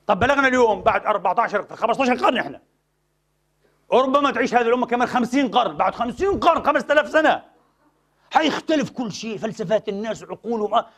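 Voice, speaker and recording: A middle-aged man delivers a sermon-style lecture at a rapid clip. His voice sits high, and he keeps the talk lively with rhetorical questions and a drawn-out "eh" as he searches for the next word. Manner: animated, asks rhetorical questions, fills pauses with drawn-out "eh". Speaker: Islamic preacher and lecturer.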